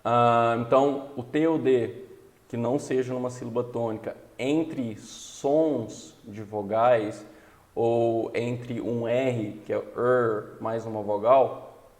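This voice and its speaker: A man teaching English pronunciation, slowly demonstrating and repeating sounds and words. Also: medium pitch, steady tone, darkish tone. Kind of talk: classroom-style lesson. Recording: roomy with long reverb.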